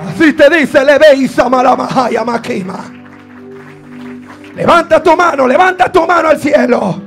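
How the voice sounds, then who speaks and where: This is a fervent Pentecostal sermon from a man whose strained, very high-pitched voice has vocal fry, delivered at a measured pace as he exhorts and insistently repeats his phrases. Faint music plays behind him, and some chatter can be heard in the background.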